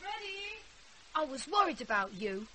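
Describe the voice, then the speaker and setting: A woman's voice: high voice, very animated, normal speed, pushed and bright, full character voice. An actress voicing a sulky teenage girl who answers in short, grudging replies, in a radio drama. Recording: very noisy radio drama recording.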